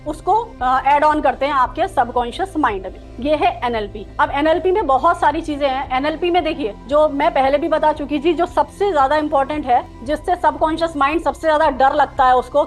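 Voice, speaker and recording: A woman with a high, light voice leads an online coaching workshop over a video call. She explains patiently and gives step-by-step instructions, dropping English terms into her sentences. Faint music plays quietly behind her. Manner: coaxing and instructive, mixing English terms into Hindi; guides a slow breathing exercise. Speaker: NLP coach leading a workshop. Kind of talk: live online workshop teaching.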